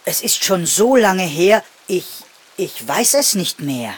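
A man voicing a tiny, ancient lightning sprite who is boastful and quick to take offense. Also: high voice, sing-song, slightly rough, pitched above the performer's own voice, heavily acted. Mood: pleading.

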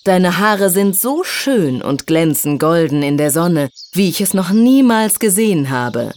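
A woman voicing a kind male forest elf who speaks slowly and soothingly. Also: lowish voice, big pitch swings, a little mellow. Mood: gentle.

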